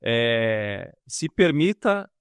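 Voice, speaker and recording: A man's voice: medium pitch, very animated, extremely slow, smooth, no room sound. A man, an executive hosting a podcast, speaking casually and giving listeners tips. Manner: guiding, addresses listeners with tips.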